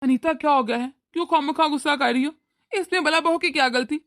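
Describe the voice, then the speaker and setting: A woman voicing a tired older father-in-law in a cartoon who pleads for calm. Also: sits high, fast talker. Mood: placating. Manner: pleading, placating. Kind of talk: cartoon voice acting.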